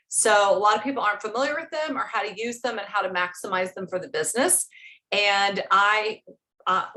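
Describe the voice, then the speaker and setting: A woman's voice: mid-range voice, a bit bright. A woman hosts an online team meeting, giving an informal welcome and introducing the speakers.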